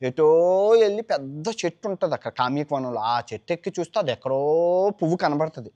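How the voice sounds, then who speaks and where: Chatty male storyteller, lively voice. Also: fairly quick. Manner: chatty, colloquial, mixes English words; voices characters with big pitch swings. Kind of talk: casual storytelling with acted quotes.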